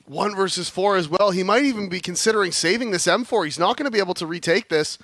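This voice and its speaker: A male esports caster with a higher-than-average pitch gives live tactical commentary. He explains as he goes and builds suspense, with faint noise behind him. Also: fast talker, a bit bright.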